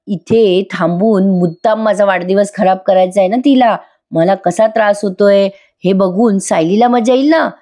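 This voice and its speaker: A woman's voice: medium pitch, moderate pace, mellow, lightly acted. A woman voicing a spiteful, jealous young woman in a retold TV serial scene, with a taunting, whiny delivery. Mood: resentful.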